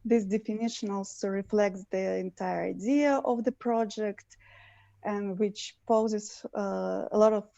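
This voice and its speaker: Russian-accented woman lawyer presenting over video call; slow, mellow, halting delivery. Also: mid-range voice, no echo. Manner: hesitant, many fillers and restarts. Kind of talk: online presentation. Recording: muffled video call audio.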